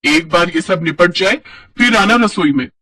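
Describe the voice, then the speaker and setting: Man voicing a shrill bossy sister-in-law. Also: moderate pace, husky. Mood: scolding. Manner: scolding, yelling.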